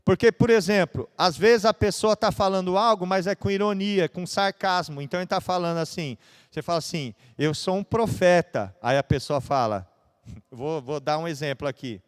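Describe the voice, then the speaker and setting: A man preaching a sermon as pastor, with a São Paulo Brazilian accent, swinging between hushed and loud passages. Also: a little high, fairly quick, clean tone. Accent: Brazilian Portuguese, São Paulo.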